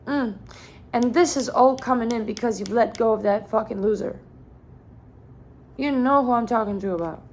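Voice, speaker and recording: A woman's voice: fairly high pitch, moderate pace, long pauses, a little mellow, slight background noise. A young woman doing a channeled tarot reading in a casual, blunt way, full of "like" fillers and swearing. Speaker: tarot reader.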